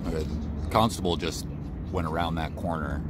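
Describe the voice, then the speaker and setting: A man's voice: very deep voice, steady tone, moderate pace, loud music behind the voice. A man casually narrating what he sees as he films on a city sidewalk. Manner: laid-back, rambling commentary. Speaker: street videographer. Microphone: handheld phone camera. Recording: outdoor phone audio with street noise. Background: street traffic noise.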